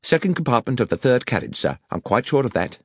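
A man's voice: mid-range voice, big pitch swings, quick pace, husky, dry recording, studio quality, pitched above the performer's own voice. A man voicing a respectful, matter-of-fact railway station worker with plain, clipped phrasing. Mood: respectful, certain.

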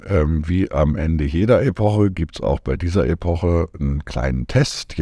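Very deep-voiced man explaining thoughtfully. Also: mellow, no room sound, studio quality. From Germany. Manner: thoughtful, many fillers and list-like explanations. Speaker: guest, media education consultant. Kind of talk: conversational podcast interview.

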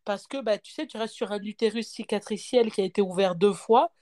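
A woman's voice: medium pitch, fairly quick, no echo. A woman in her thirties telling a story in casual podcast chat, acting out both sides of a conversation. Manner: lively storyteller acting out dialogue; peppers speech with "hein" and "tu vois". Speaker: podcast guest parent.

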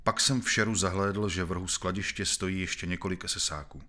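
A man narrating a novel in the first person, reading in a measured, grave manner. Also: low-pitched, steady tone, bright, forceful tone.

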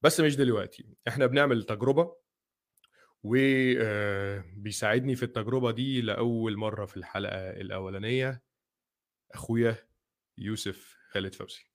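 A man speaks quickly in an Egyptian Arabic accent as a podcast host. His delivery is casual and conversational, with English words mixed into the Arabic. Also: on the low side.

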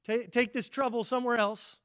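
Delivering an earnest sermon a little fast, this middle-aged pastor keeps a level tone, raising his volume for scripture quotes and dropping it for asides. His voice is high for a man.

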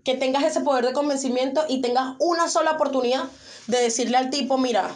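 A woman's voice: sits high, fast. A young woman, co-hosting a casual chat and acting out scenes with lots of laughter. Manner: animated, laughs often, acts out scenes. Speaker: podcast co-host.

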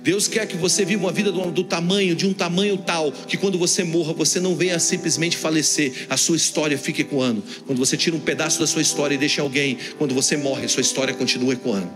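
Man, Brazilian accent, preacher, lively storytelling, reverberant hall, faint music. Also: on the high side, fast talker, few pauses. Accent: Brazilian Portuguese. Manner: animated storyteller, acts out dialogue. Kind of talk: sermon storytelling. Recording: long hall reverb with soft music behind.

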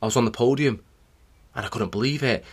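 A man's voice: medium pitch, quick pace, breathy edge. A man, a cycling coach telling stories animatedly on a solo podcast. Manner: animated storytelling, acting out remembered exchanges.

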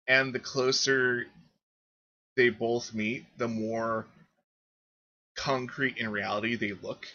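A man narrating as game master for a tabletop game, halting and searching for words. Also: medium pitch, little pitch movement, bright, forceful tone, dull audio.

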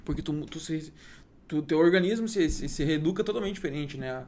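A man's voice: on the high side, expressive, a little fast, darkish tone. A man with a southern Brazilian Portuguese accent, hosting a podcast in a casual, slangy chat. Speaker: podcast host.

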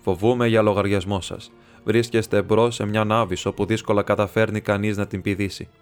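A man voicing a meek, earnest older monk who speaks gravely and pointedly. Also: on the low side, flat delivery, faint music behind, close to an everyday voice. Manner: grave and piercing.

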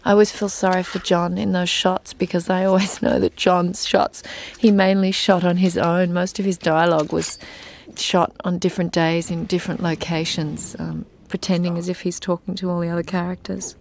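A woman's voice: on the low side, flat delivery, moderate pace, vocal fry, a little hiss or hum. A woman actor giving film commentary, recalling the shoot with admiration.

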